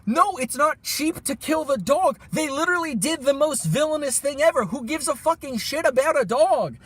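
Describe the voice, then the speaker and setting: A man co-hosting a casual movie podcast, profane and animated, ranting about a film. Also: very high voice, moderate pace. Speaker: podcast co-host. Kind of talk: casual movie review chat.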